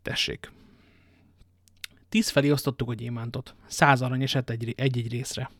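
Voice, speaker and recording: A man's voice: medium pitch, fairly even intonation, fairly bright tone, no room sound, clean studio sound. A man reading an audiobook and voicing Athos, a worldly, ironic musketeer, with a languid manner of telling his tale. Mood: wry.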